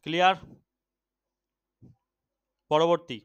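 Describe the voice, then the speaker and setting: A young man teaching an exam-prep grammar lesson, often checking that students follow and urging them to answer quickly. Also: on the high side, smooth, dry recording, highs cut off. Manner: keeps checking understanding, urges quick answers.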